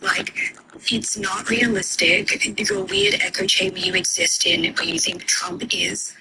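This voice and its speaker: A woman on a live call-in makes her case in an earnest, lecturing way. Her voice has a gravelly fry at a middle pitch, and clear noise sits behind her. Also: sing-song, unhurried. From Australia. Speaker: caller.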